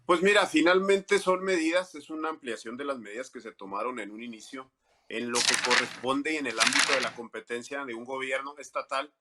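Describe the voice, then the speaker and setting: A man's voice: mid-range voice, fairly quick, heavy background noise. A man, a legislator speaking earnestly on a panel. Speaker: state legislator. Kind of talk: panel discussion.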